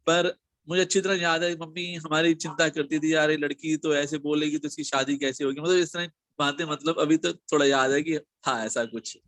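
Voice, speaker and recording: A middle-aged man speaks in a casual group discussion in a slightly high voice. He talks thoughtfully, often pausing to find his words. The sound is close and dry. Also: a bit bright, dry recording. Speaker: discussion participant.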